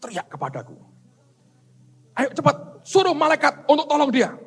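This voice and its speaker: A man voicing God as a brisk, commanding old male ruler who repeats short words. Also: extremely high pitch, sing-song, in a large hall, slight background noise, pitched above the performer's own voice. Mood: urgent.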